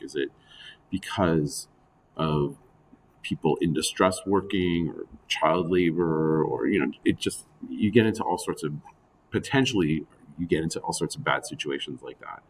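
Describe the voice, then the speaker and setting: A male teacher giving a recorded lecture in a conversational way with asides, his voice going hoarse. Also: low voice, slight background noise. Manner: conversational, with frequent fillers and asides. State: losing his voice.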